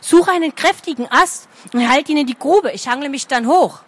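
A woman's voice: high voice, normal speed, a bit bright, voice pushed up. A woman reading a storybook aloud, voicing an impatient, bossy young female archer who snaps at everyone. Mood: impatient, snapping. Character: sharp-tongued bossy young female archer of a magical folk.

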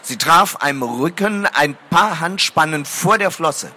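A man's voice: fairly high pitch, animated, takes it slowly, pushed and bright. A man reading a fantasy novel aloud to an audience, addressing listeners formally between passages.

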